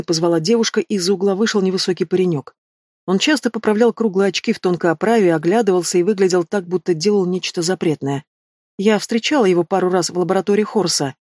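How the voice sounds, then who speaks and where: A woman reading a first-person fantasy story in an even, measured way. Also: fairly low pitch, no room sound, clean studio sound. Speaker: audiobook reader.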